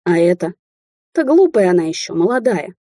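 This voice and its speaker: A blunt, bossy older man delivers a coarse lecture, as a woman reads him in a storybook. The voice is husky, low and dark, recorded dry and close. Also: sing-song, normal speed, no room sound. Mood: lecturing. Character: gruff older Russian man, blunt taxi driver.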